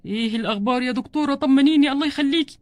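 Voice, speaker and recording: A woman's voice: sits high, rapid-fire, a little mellow, no room sound, close to an everyday voice. A woman voicing an adult man doll who frets over his sick wife, speaking Egyptian Arabic with pleading, repeated words. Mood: anxious. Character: worried devoted husband doll, adult man. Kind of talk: doll play storytelling.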